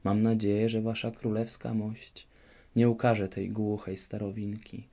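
A brisk fairy speaks in a calm, matter-of-fact way, as a man puts her on. The voice stays low, dark and gravelly. It belongs to a fairy-tale storybook reading. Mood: calm assured. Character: brisk cheerful fairy godmother, woman.

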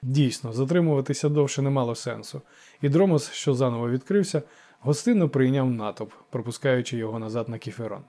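Male audiobook narrator, dark tone. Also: mid-range voice, quick pace.

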